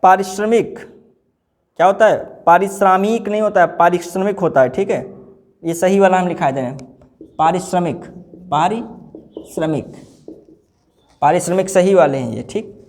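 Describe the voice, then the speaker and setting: A man's voice: high voice, a little fast, darkish tone. A male teacher giving an exam-prep spelling lesson, repeating each word and quizzing his students, calling them brother in an informal way. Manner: addresses listeners informally as brother.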